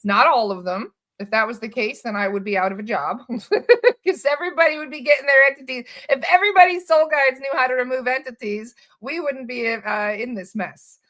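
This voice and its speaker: A woman talks as a hypnotist and spirit release practitioner in a casual interview. Her voice sits high and sounds bright and forceful. She tells stories with animation, acts out quotes and swears offhandedly. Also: brisk.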